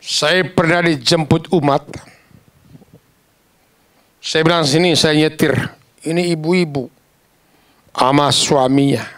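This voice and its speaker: A man preaching a sermon, telling stories in a lively, casual, slangy way and acting out the voices of the people in them. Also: fairly high pitch, slow pace, pauses often, dry recording. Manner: animated, acts out quoted voices.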